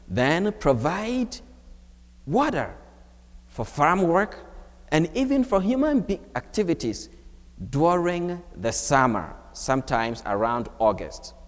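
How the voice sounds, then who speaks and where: A man preaches a homily slowly and deliberately, his pitch rising and falling a great deal. His fairly high voice rings out with the long reverb of a church. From Ghana. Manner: slow, measured preaching with wide swings of pitch. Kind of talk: homily at Mass.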